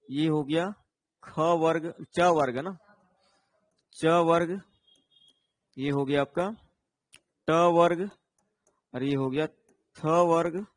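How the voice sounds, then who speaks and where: A man's voice: fairly high pitch, dry recording. A man teaching an online exam-prep lesson, explaining patiently and often checking in with his viewers. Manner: explains patiently, tags lines with "है ना", answers viewers' comments.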